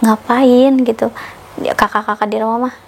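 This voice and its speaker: Young woman, higher voice, animated podcast guest who acts out quotes. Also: moderate pace, vocal fry, slight background noise. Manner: animated, acts out quoted dialogue with sudden pitch jumps. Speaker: podcast guest telling her story. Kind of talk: casual storytelling.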